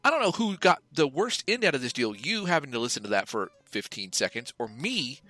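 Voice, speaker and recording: A man co-hosting a podcast, talking in a casual, animated rant that is full of swearing. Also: medium pitch, fairly quick, soft background music. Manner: animated, profane ranting. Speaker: podcast co-host.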